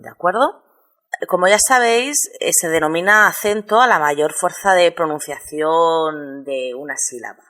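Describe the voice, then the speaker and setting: A woman's voice: low voice, fairly bright tone. A woman, teaching a recorded lesson and explaining step by step. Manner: patient, explains step by step and spells out syllables slowly. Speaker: Spanish teacher. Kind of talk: recorded lesson on spelling rules.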